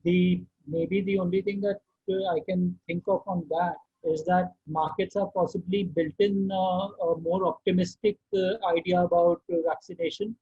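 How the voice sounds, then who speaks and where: Man, Indian accent, husky, slightly high voice, halting deliberate host, phone-like sound. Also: little pitch movement. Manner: halting, deliberate, repeats words. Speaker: host of an online market outlook session. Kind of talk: unscripted question-and-answer commentary. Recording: tinny phone-like online call.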